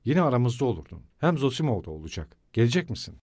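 Loud scolding young guy, hot-headed but loyal, a man reading it out in a dry close audiobook voice, middle pitch. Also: very animated, fast, husky, dry recording. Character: hot-tempered loyal young male friend, blustering.

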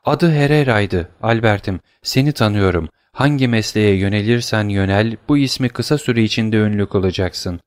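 A man's voice: fairly low pitch, normal speed, hardly any pauses, dry recording, studio quality, natural voice. A man voicing a middle-aged noble mother, tender and pleading with her son.

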